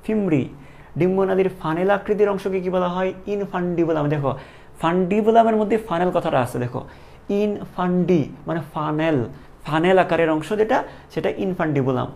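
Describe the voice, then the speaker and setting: A man's voice: high voice, quick pace, creaky, a little mellow. A male teacher giving a classroom lecture, asking questions and repeating each answer to drill the terms.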